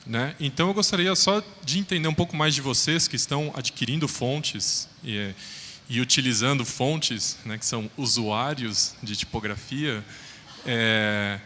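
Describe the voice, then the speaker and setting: Bright-voiced Brazilian man moderating, echoey hall. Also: mid-range voice, unhurried. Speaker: panel moderator. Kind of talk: informal spoken question to a panel. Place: round table in a reverberant hall. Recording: echoey hall, faint ambient noise.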